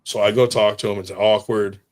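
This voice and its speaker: A man's voice: on the low side, steady tone, fairly quick, darkish tone, slight background noise. A man telling stories in casual chat, rambling and swearing freely, with lots of fillers. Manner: rambling and profane, with many fillers.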